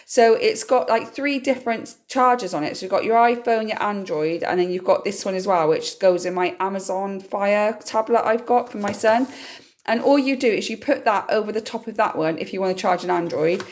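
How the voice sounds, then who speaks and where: This British woman's mid-range, darkish voice moves a little fast as she casually explains her grocery haul for her vlog. A lingering cold leaves her slightly nasal and scratchy in the throat, and her manner stays chatty and informal.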